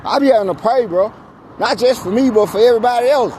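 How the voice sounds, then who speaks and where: He talks fast in a very high, slightly mellow voice, an American man vlogging while walking outdoors on a street. Exasperated, he vents and preaches casually, emphatically, and repetitively, and the handheld recording carries street noise.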